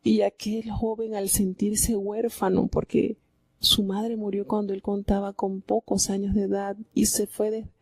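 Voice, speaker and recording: A Venezuelan Bible commentator preaches on a live program, offering devotional commentary in a husky, gravelly, mid-range voice that is level and darkish. Her measured delivery is reflective and heartfelt, often asking "¿verdad?", with no echo.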